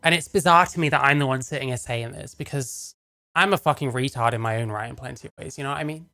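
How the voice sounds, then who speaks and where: Reacting to a video on a casual live stream, a man rambles through sarcastic, sweary commentary. His voice is medium-pitched and sharp, and he talks quickly.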